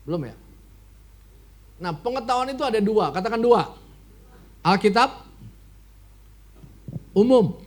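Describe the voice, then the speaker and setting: A middle-aged man preaching a sermon as pastor, telling stories with lively back-and-forth and acting out the people he quotes. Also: on the high side. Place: church hall.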